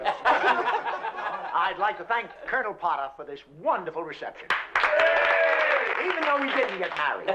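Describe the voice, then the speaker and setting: An actor playing a touring stand-up comedian who fires off one-liners in showman patter, in a 1980s sitcom. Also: high-pitched. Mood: emceeing. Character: wisecracking male stand-up comic, corny and relentless. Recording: muffled hissy old TV audio.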